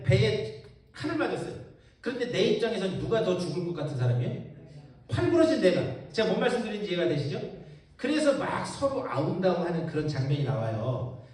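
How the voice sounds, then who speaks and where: Animated male pastor in an echoey church. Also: high voice. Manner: animated storytelling, asks the audience questions. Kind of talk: Bible-study sermon. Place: church sanctuary. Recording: echoey church hall from far off.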